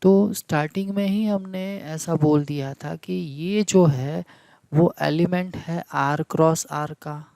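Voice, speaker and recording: Guy teaching math slow and steady, a bit gravelly, keeps quizzing the class on terms. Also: on the high side, no room sound. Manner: repeats key terms and asks the class questions to check understanding; slow, deliberate delivery. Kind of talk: classroom lecture in Hindi mixed with English terms.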